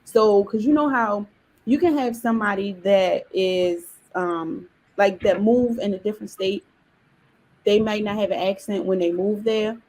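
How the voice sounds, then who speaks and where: A young woman hosting a casual panel discussion, relaxed and chatty, asking questions. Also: mid-range voice, measured pace, poor audio. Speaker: discussion host.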